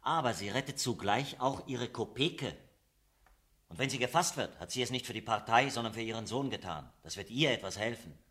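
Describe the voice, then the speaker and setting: A man's voice: medium pitch, expressive, brisk, a bit bright, close to an everyday voice. An actor playing a stern male leader of an underground party, speaking firmly in a radio drama. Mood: commanding. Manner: firm, commanding.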